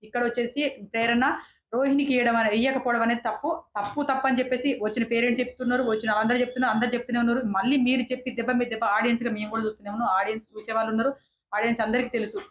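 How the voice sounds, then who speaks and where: A woman's voice: a little high, little pitch movement, racing, echoey room, a little hiss or hum. A woman giving an opinionated, indignant review of a reality show, often repeating herself and restarting words. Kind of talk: casual opinionated commentary.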